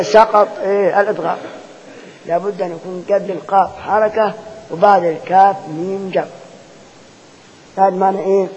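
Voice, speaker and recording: A high, husky-voiced man with an Egyptian accent lectures on recitation rules. He drills his students by asking rhetorical questions and repeating each point. The recording is dull and lo-fi, with a long reverb from a large hall. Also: a little mellow. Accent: Egyptian Arabic. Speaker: Quran recitation teacher.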